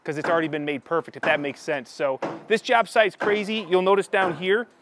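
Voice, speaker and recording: A man's voice: sits high, brisk, background noise. A man in his thirties with a lapel mic, chatting eagerly as he tours a construction site and explains what he sees. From United States. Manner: enthusiastic, chatty, explaining as he walks. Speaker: construction vlogger. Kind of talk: casual walkthrough vlog. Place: construction site, in a tool container and on an open upper floor.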